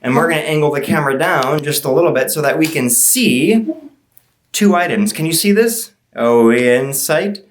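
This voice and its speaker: A woman's voice: sits low, animated, normal speed, slight background noise. A woman performing as a kids party magician, playfully teasing and coaxing children with questions in show patter. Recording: roomy, echoing sound.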